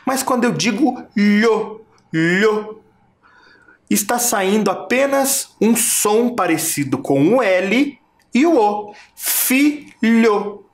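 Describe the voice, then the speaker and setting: A primary school teacher gives a televised lesson to fourth graders. The teacher speaks slowly, stretches out syllables to demonstrate their sounds, and keeps asking the viewers rhetorical questions. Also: medium pitch, expressive.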